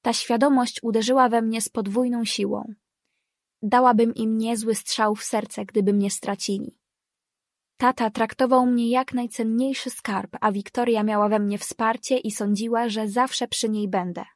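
A woman reading a novel as a first-person audiobook narrator, measured and even. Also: on the high side, no echo, clean studio sound.

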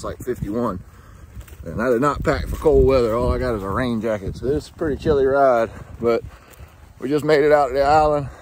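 A relaxed man in his thirties talks straight into a handheld phone as he walks through a windy coastal marsh, easygoing and upbeat in a casual outdoor vlog. His voice sits at an ordinary middle pitch, and clear wind and outdoor ambience run under everything he says. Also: low-quality recording. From South Carolina. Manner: laid-back and excited, talking while walking. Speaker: trapper. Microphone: phone held at arm's length.

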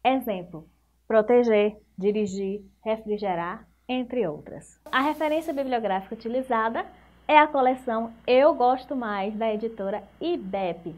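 A woman's voice: a little high, a little slow, darkish tone. A Brazilian woman teaching a recorded lesson to young children, patient and encouraging, stretching out each example word. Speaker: primary school teacher.

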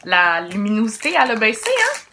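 Québécois woman in her thirties, hushed casual tasting chatter, noisy home recording, wrappers crinkling. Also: medium pitch, wildly swooping pitch, brisk. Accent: Québécois French. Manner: chatty, reacting aloud while tasting, talking quietly. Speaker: vlogger. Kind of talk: casual snack tasting vlog. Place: home, indoors.

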